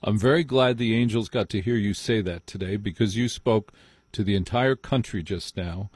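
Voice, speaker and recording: A New Jersey man hosts a live call-in radio show, speaking emphatically and repeating phrases for effect. His lowish, darkish voice moves at a normal speed with no echo.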